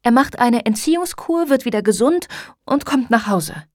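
A woman's voice: fairly high pitch, animated, moderate pace, no echo, voice pushed up, close to an everyday voice. A woman reading the part of a worried middle-aged mother, her voice trembling and pleading, in a dry studio audiobook recording. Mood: distraught.

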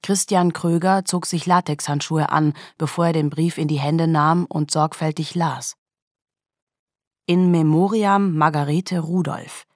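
A woman reading a crime novel aloud in calm, even storytelling narration. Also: low-pitched, moderate pace, few pauses, no echo, clean studio sound. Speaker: audiobook reader. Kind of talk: scripted narration.

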